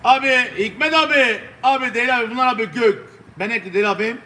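A very high-pitched male auctioneer with a southeastern Turkish accent and a bright, forceful voice. He calls a live auction in repetitive patter, constantly addressing his bidders, over faint background noise. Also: fast. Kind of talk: live auctioneer calling bids to online viewers.

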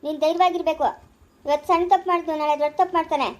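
An indignant mother, played by a woman, scolds hard in a very high, rapid voice. She urges her daughter never to forgive. It sounds like an amateur family skit. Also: steady tone. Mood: urging. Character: angry mother defending her wronged daughter.

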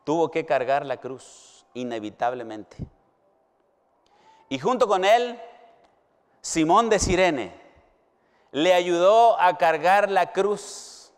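A middle-aged Mexican pastor delivers a sermon slowly and emphatically in a Mexican Spanish accent, his clear, resonant voice a little high for a man and full of lively intonation. He uses long, dramatic pauses and swings between raised, ringing lines and hushed ones. The sound fades into the long reverb of a large university hall or chapel.

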